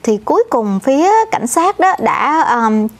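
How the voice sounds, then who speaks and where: A female co-anchor telling the news in a relaxed, conversational way, often pausing on fillers and addressing the audience directly. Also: a little high. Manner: many "à" fillers, addresses "thưa quý vị".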